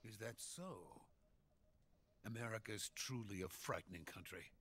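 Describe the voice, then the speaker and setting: An actor playing an anxious middle-aged Soviet scientist in a video game cutscene, speaking in a formal, deliberate, earnest way. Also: male voice, fairly low pitch, fairly bright tone, breathy edge. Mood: subdued, uneasy.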